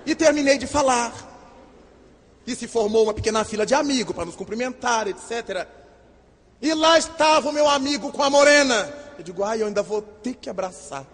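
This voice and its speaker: High-voiced man telling a story. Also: a little fast. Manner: lively, self-mocking, acts out the dialogue. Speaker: speaker at a spiritist gathering. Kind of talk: humorous storytelling lecture. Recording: long reverb in a hall.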